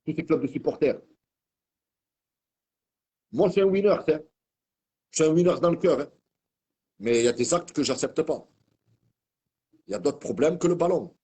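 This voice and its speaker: A husky, mellow, mid-range man from Marseille, France, an online commentator, rants in a video message. He's rambling and heated, repeating and restarting words.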